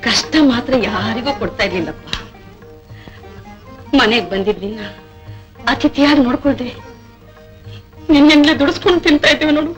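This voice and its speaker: A woman's voice: high voice, normal speed, long pauses, faint music behind, lightly acted. Woman playing a weary, complaining elder sister. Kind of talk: 1970s Indian film drama.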